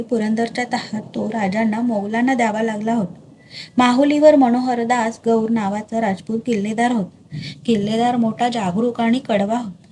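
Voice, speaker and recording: A woman's voice: on the high side, a little mellow, slight background noise. A woman steadily reading a historical novel aloud as narrator.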